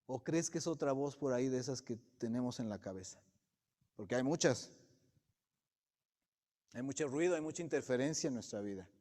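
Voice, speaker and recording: Preacher with a mellow voice in a reverberant church. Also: male voice, medium pitch, expressive, fairly quick, pauses often. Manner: asks the congregation direct questions. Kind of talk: sermon. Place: church sanctuary. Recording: long reverb of a church hall.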